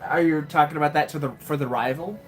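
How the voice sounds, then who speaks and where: A man's voice: on the high side, quick pace. A man commentating his own gameplay on a live stream, joking and talking directly to his chat. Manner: chatty, joking, talks to chat. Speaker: game streamer.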